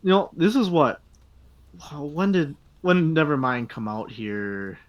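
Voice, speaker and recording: A man's voice: a little high, a little slow, dull audio. Enthusiastic man chatting about music. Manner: chatty, enthusiastic, thinking aloud. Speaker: podcast co-host. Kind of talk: casual chat.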